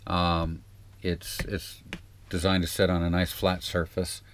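A man with a low-pitched voice talks through practical tips inside a small trailer. His delivery is casual and unscripted, wandering and hesitant as he explains things into a handheld camera. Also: completely flat delivery, a little slow, fairly bright tone, a little hiss or hum. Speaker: vlog host giving RV upkeep tips. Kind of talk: casual unscripted how-to talk. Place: small RV interior.

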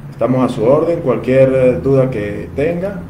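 A man's voice: mid-range voice, animated, normal speed, dark tone. A man from Venezuela, selling phone parts and courteously answering viewers' questions in a live Q&A. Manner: courteous, addresses viewers as "usted". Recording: roomy echo, faint ambient noise.

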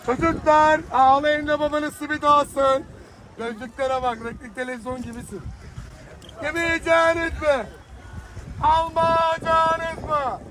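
A middle-aged simit seller from Thrace, Turkey, with a Thracian Turkish accent, calls out teasing, joking sales lines on a beach and talks about his work in a short interview. His voice is very high and a bit bright, and the poor audio has wind noise hitting the mic.

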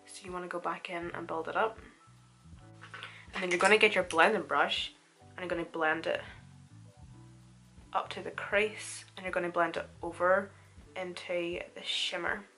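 A woman's voice: lowish voice, normal speed, pauses often, soft background music. A woman chats informally and animatedly through a casual makeup tutorial. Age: 20s. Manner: informal, chatty, animated storytelling. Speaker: beauty vlogger. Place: small room at home, indoors.

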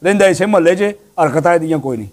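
A male preacher delivers a sermon to a gathering, telling stories animatedly at a racing pace with lively intonation. He swings between loud exhortation and low, hushed asides.

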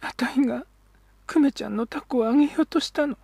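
A small boy with a high, husky voice pleads and sulks, voiced in a childish old-Edo manner, as a male storyteller puts him on. The sound is dry and close, with no room around it. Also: a little fast, a little mellow, no room sound, exaggerated voice. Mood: aggrieved. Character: small boy, hurt and sulky.

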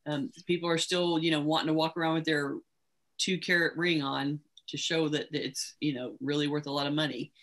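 A woman's voice: deep voice, fairly even intonation, brisk, fairly bright tone. A woman hosting a casual webcast about organizing, chatty and reassuring, laughing easily. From United States. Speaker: host, professional organizer.

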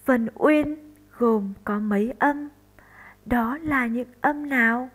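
With a slightly high voice, a northern Vietnamese primary school teacher slowly records a lesson for first-grade pupils, carefully sounding out each sound. The recording quality is low.

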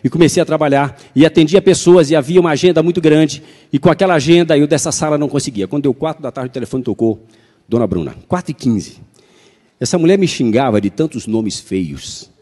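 A Brazilian pastor tells a story from the pulpit, quick and animated, acting out each exchange. His voice is mellow and dark. A long reverb fills the church hall around him. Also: fairly high pitch. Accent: Brazilian Portuguese. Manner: animated, acts out dialogue. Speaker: pastor and physician. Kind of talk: sermon storytelling.

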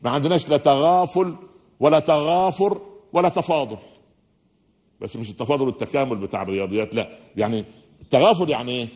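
An Egyptian-accented man delivers a religious lecture to an audience in a hall. He talks quickly, switching between formal phrasing and colloquial asides and often stopping to ask the room a question. His voice sits at a plain middle pitch for a man. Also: a little mellow. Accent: Egyptian Arabic. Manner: fast-talking, says listeners are used to his speed; mixes classical and colloquial speech, asks the audience questions. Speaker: preacher giving a lecture.

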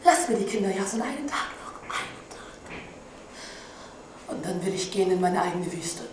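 An actress performing a stage monologue as a vengeful, betrayed mother who swings from hushed menace to shrieking rage. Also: mid-range voice, animated, fast, far from the mic, noisy background, lightly acted. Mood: pleading. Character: Medea, vengeful betrayed mother, volatile and wild. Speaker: acting student. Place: stage or studio hall. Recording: echoey stage from afar.

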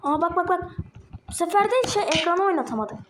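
High-voiced excitable young woman gamer. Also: brisk, slight background noise. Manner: excitable, chatty, addresses viewers directly. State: sore throat, a bit ill. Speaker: gaming channel host. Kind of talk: casual gameplay commentary. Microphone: tablet microphone.

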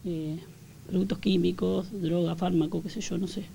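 A woman with a Rioplatense Argentine accent recounts events in an interview, her voice gravelly and dark. She speaks haltingly and fills pauses with fillers. Faint noise sits behind her. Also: fairly low pitch, level tone, poor audio. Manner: halting, filler-heavy retelling. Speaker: victim's relative giving testimony.

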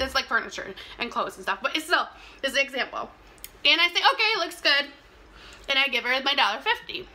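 A young woman talks casually to the camera while eating, telling things in an animated way between bites. Her voice is fairly high and very bright, with a sharp edge. There is clear noise behind her in a simple indoor recording. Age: young adult. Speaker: mukbang vlogger. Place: small plain indoor room. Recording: clear background noise, clicks.

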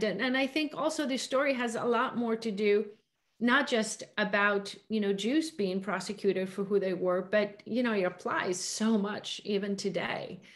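A middle-aged woman from Greece, a director and producer, chatting casually in a Zoom Q&A with lots of fillers and quick bursts of speech. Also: mid-range voice. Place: home room. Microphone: laptop webcam on a video call.

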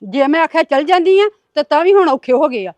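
An actress playing a patient middle-aged wife and mother who tries to calm her husband. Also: high-pitched, a little fast, no echo.

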